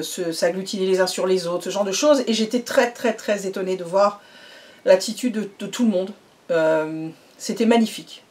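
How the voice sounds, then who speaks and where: A woman's voice: fairly low pitch, darkish tone. Effusive woman chatting casually. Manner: effusive, emphatic repetition. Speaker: vlogger. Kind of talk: casual recap talk.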